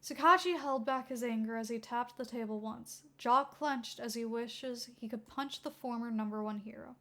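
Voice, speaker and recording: A woman reading her own fan fiction aloud as a podfic, in a steady, quiet storytelling delivery. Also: on the high side, normal speed. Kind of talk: podfic narration.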